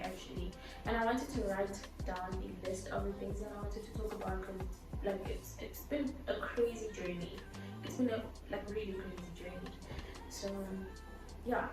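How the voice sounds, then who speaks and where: A twenty-year-old woman from South Africa telling her story in a casual, rambling vlog, full of fillers and restarts. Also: mid-range voice. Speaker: vlogger. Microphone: laptop or phone camera mic. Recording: echoey room, voice from a distance, music playing.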